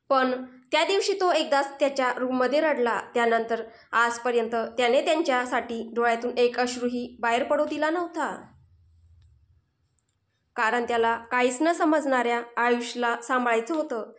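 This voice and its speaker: A woman narrating a romantic story in a steady, expressive reading voice. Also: high-pitched, normal speed.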